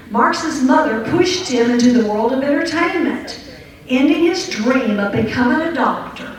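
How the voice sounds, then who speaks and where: Slow-paced female prize announcer in echoey hall. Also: on the high side. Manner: announcing contestants and prizes to an audience. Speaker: game show host. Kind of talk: prize announcer on an amateur game show parody. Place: large echoey room with audience. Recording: echoey room, distant mic, faint crowd.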